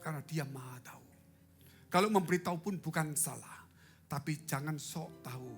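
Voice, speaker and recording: Male pastor, live sermon, theatrical swings between loud and hushed, jokes with the congregation, faint music underneath. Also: on the high side. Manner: dramatic, leaps from loud cries to hushed asides; humorous, asks the congregation questions. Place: church sanctuary.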